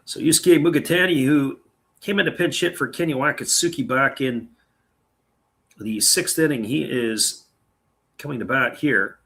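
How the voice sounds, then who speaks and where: A man with a gravelly, somewhat worn voice calls a live baseball game pitch by pitch at a normal speed. He chats in a relaxed way and pauses now and then to answer viewer comments. Long hours of talking have given his voice a raspy edge.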